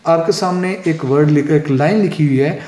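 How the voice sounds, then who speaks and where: A male English teacher gives a lesson in a fairly high voice. He reads definitions slowly and says example words several times to show where the stress falls. The sound carries a clear room echo. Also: a little mellow. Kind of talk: classroom lesson explaining poetic meter. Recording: echoey room.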